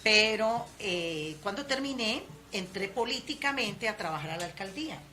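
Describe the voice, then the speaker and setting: This interview guest, a Colombian woman in her fifties from Cali, has a bright, forceful mid-range voice with lively intonation and normal speed. In relaxed personal storytelling, she tells her life story with many fillers and restarts, amid noisy background ambience.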